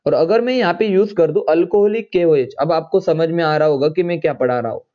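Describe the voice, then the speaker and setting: A man teaching an online chemistry class, repeating points and firing quick questions at his students. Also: on the high side, dull audio.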